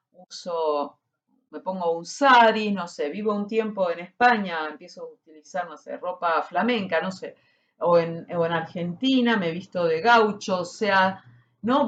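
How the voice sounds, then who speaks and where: Woman, spiritual teacher; very slow and deliberate, keeps checking in, muffled lo-fi sound. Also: medium pitch. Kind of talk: slow explanatory teaching talk.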